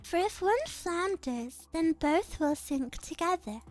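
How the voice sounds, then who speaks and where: A woman voicing a refined, grave schoolgirl leader in a game story, formal and measured. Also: very high voice, expressive, faint music behind, voice pushed down, full character voice. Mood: grave, explaining. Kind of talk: visual novel game dialogue read aloud.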